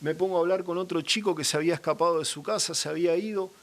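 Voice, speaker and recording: A man's voice: fairly high pitch, very fast. Earnest young man. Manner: earnest storytelling, acts out quoted dialogue. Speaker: guest giving a faith testimony. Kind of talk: personal religious testimony.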